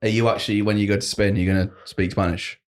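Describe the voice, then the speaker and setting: A young man trades loose, profane banter on a home podcast and laughs often. His voice sits fairly low. He talks in a relaxed, rambling way. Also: quick pace. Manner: laughs a lot, swears casually. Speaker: podcast co-host. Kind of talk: casual banter.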